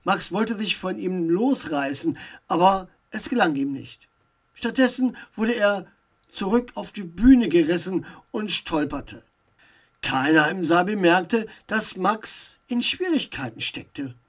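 Slow, measured woman reading a story. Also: lowish voice, expressive. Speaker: narrator. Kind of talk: audiobook narration for children.

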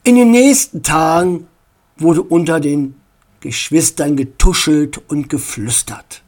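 A man narrating a story aloud, calm and measured. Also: on the high side.

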